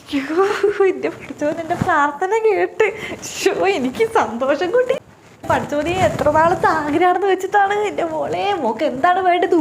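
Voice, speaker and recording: A woman's voice: high voice, background noise. A woman playing a fussy, bossy mother-in-law. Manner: dramatic, scolding and gushing by turns. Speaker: mother-in-law in a comedy skit. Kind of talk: comedy sketch acting.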